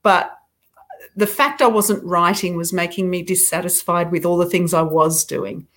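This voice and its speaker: A woman's voice: fairly low pitch, fairly even intonation, normal speed, fairly bright tone. A middle-aged woman author, a guest in an interview, talking reflectively and self-deprecatingly about her writing, with frequent restarts.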